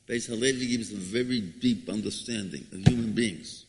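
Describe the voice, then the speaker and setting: A man gives a Torah lecture as a rabbi, expounding scripture in a sermon that is dramatic and emphatic, full of rhetorical questions and repetition. His voice is on the low side at a normal speed, with a noisy background and the long reverb of an echoey hall.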